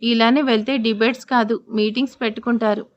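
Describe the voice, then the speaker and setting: A woman's voice: on the high side, fairly even intonation, brisk, dull audio, close to an everyday voice. A woman voicing a playful young wife who teases lightly. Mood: teasing. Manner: teasing, light.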